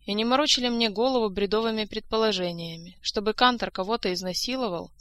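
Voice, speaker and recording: A woman voicing a tired, sharp-tongued female doctor who grumbles and complains. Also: medium pitch, quick pace, dry recording, close to an everyday voice. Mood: grumbling. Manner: grumbling, exasperated.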